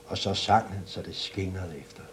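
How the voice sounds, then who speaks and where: A man reading a fairy tale aloud as a storyteller, in an expressive, animated way. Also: sits low, slight background noise.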